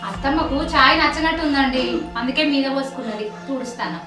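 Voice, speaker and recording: A woman's voice: high-pitched, quick pace, natural voice. A woman with a Telangana accent playing a cruel, two-faced young daughter-in-law who snaps harshly and turns sugary when watched. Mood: falsely sweet. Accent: Telangana Telugu. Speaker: actress. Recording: echoey room, mic far off, music.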